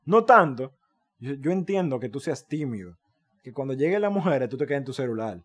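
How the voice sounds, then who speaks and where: A young man with a Dominican Spanish accent tells stories in a loose, slangy way on a casual podcast. His pitch jumps up and down as he gets worked up, and he swears freely. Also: brisk, husky. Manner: animated, slangy storytelling with swearing. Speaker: podcast co-host. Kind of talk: casual chat.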